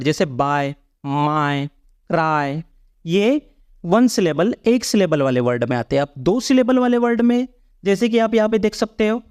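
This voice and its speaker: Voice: mid-range voice, darkish tone. A teacher explaining English spelling rules in Hindi, spelling words out letter by letter and asking the viewer to repeat them. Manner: repeats each word, quizzing the viewer.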